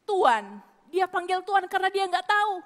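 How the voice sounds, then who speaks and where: A woman's voice: very high voice, brisk. A woman preacher giving an emphatic sermon to a congregation, repeating her phrases. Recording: long hall reverb.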